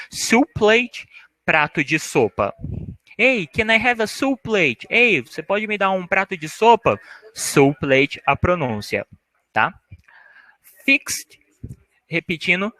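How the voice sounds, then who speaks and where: Slow bright-voiced male English teacher. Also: a little high, dry recording, low-quality recording. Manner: slow, repeating each word and its meaning. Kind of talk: language lesson for Portuguese speakers.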